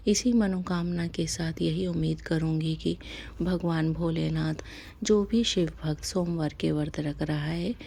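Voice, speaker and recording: Female devotional host, low gravelly voice, unhurried soft-spoken instruction with whispered line endings. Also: a little hiss or hum. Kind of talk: devotional instruction on a fasting ritual.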